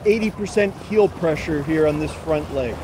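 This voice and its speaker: A man coaching exercise like an aerobics instructor, giving short brisk commands, counts and encouragement outdoors. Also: on the high side. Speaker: fitness coach leading a workout. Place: outdoors on an open sandy beach by the water. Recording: noisy outdoor recording with surf and wind.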